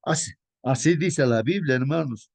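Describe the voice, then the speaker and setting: A man teaching a weekly Bible study lesson in a preaching style, calling listeners brothers and asking rhetorical questions, rising for emphasis and dropping softly on asides. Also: animated, moderate pace, gravelly, dry recording. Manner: pitch jumps up for emphasis, drops soft on asides.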